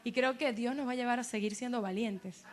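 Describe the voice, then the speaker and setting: A woman pastor, preaching a sermon in an animated way and quoting people's doubts in a quieter voice. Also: fairly high pitch, a little fast.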